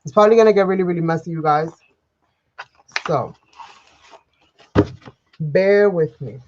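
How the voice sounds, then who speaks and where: Sniffly and a bit ill, a craft livestream host talks with viewers in a chatty, rambling way from her home craft desk, her voice on the low side, a little slow and mellow. She's off-frame beneath an overhead camera, and the audio is dull with slight background noise.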